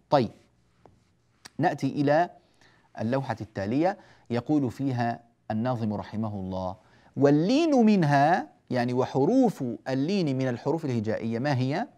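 Patient Arabic tajweed teacher, mellow voice. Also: male voice, medium pitch. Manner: measured and patient, stretching example words and checking in with listeners. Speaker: Quran recitation teacher. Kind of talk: explaining a classical tajweed poem.

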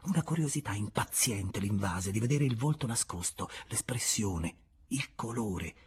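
Un uomo che legge ad alta voce un romanzo classico, con ritmo misurato ed espressivo, a tratti quasi sussurrando. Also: male voice, fairly low pitch, breathy edge. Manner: measured, expressive, sometimes dropping to a whisper. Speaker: audiobook reader. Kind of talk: literary audiobook narration.

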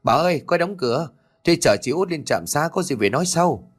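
A man voicing a blunt, gruff middle-aged village man in a narrated ghost story. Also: mid-range voice, rapid-fire, fairly bright tone, voice pushed up, lightly acted. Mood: hurried. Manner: blunt, rough questioning.

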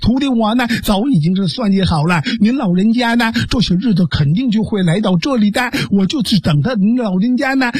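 Man putting on a high, husky, wheedling young swordsman, southern Chinese accent, dry close sound. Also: no room sound, exaggerated voice. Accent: southern Chinese (put on). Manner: wheedling, pleading, then defiant shouting. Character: fawning young male turncoat swordsman.

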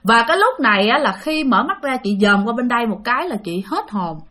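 A woman's voice: a little high, big pitch swings, brisk, bright, forceful tone. A woman with a Southern Vietnamese accent narrating a ghost story in a chatty way, speaking to her listeners directly and repeating words for effect.

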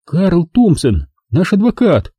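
Brief: male reader as a young woman near hysteria in an audiobook, raised pitch, dark husky tone. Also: slow, dry recording, full character voice. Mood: pleading. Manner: flat and lifeless, then shrill and pleading. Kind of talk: audiobook narration.

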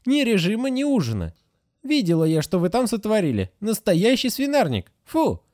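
A man's voice: sits high, huge pitch swings, normal speed, a little mellow, no echo, clean studio sound, voice pushed up. A man voicing a stern, fussy middle-aged female nurse who scolds indignantly. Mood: scolding, indignant.

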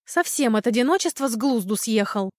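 A woman's voice: on the high side, lively intonation, fairly quick, no room sound, clean studio sound. A woman reading a book aloud, voicing a nosy, sly old village grandmother who meddles and scolds. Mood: scolding.

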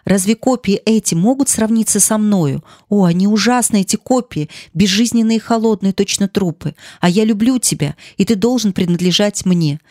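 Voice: mid-range voice, normal speed, hardly any pauses, darkish tone, dry recording, clean studio sound, close to an everyday voice. A narrator voicing a passionate young woman pleading with her lover in an audiobook. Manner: pleading, impassioned. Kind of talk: audiobook character reading.

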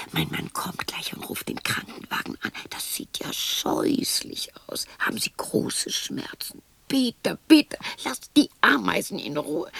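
A woman reading an audiobook and voicing a lonely, confused sixty-year-old widow who rambles to herself in her garden, drifting between breathy half-whispers and spoken lines. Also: fairly high pitch, exaggerated voice.

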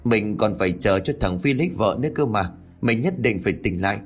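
Brief: narrator doing a fretful, quick-tempered village husband. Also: male voice, on the low side, lively intonation, soft background music, lightly acted. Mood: pleading. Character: anxious, hot-tempered middle-aged husband.

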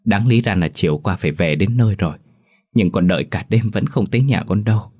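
A man with a deep voice voicing a distressed young village wife who pleads tearfully in a storybook tale. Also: a little fast, a little mellow, slightly rough. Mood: pleading, tearful.

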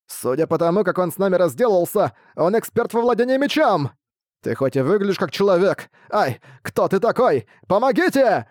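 Male reader voices a cowardly little bat servant for an audiobook, shrill, boastful, lively and high. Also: moderate pace, no room sound, clean studio sound. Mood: shrill boasting. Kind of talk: audiobook reading.

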